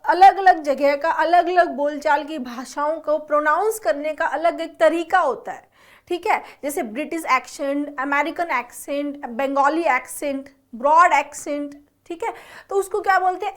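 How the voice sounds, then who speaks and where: A young adult woman teaching vocabulary for exam prep, her voice sitting high. She explains each word and keeps asking her students questions as she goes. English terms slip into her talk often. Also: a bit bright. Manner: explains and quizzes students with repeated check-ins.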